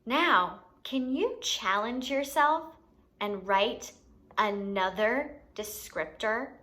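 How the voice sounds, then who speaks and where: A woman's voice: a little high, lively intonation, slow, pushed and bright. A woman hosting a lesson for young children, explaining things simply and expressively and putting questions to the listener. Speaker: children's teacher and show host.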